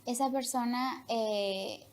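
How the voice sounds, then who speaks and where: Slight background noise accompanies a young Honduran woman who, as an interview guest, slowly and hesitantly tells her life story with many fillers. Her voice is on the high side.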